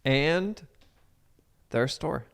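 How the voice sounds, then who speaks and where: A young man from the US Midwest co-hosting a podcast, cracking dry, deadpan jokes and teasing his co-host. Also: on the high side, very slow, gravelly, smooth. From Ohio, US. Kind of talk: casual chat.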